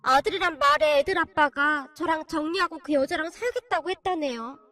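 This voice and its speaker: A woman's voice: high voice, fairly quick, sharp tone, no echo. A woman reading a first-person life story in an emotional, confiding scripted narration.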